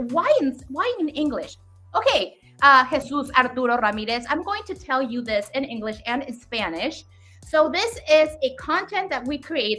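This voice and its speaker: Bright-voiced woman co-hosting sports chat. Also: sits high. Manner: upbeat, switches between English and Spanish. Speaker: co-host. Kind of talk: casual bilingual sports chat.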